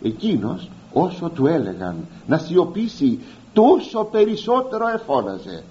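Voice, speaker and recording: A man delivers a sermon in a fairly high, very animated voice that rises and falls constantly. He speaks straight to his congregation and stretches out the words that matter most. The recording sounds dull and lo-fi. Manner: emphatic, slowly drawing out key words; addresses listeners directly as "beloved". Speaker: preacher.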